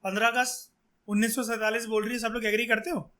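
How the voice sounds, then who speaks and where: A man's voice: high voice, level tone, quick pace, sharp tone. A male teacher giving a chatty lecture, talking straight to his students and acting out example lines. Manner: chatty, addresses students directly and acts out lines.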